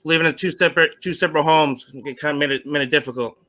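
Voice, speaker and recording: A middle-aged man from Vermont answering interview questions on a call, halting with many restarts and fillers. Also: fairly high pitch, pushed and bright. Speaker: guest, former semi-pro football player.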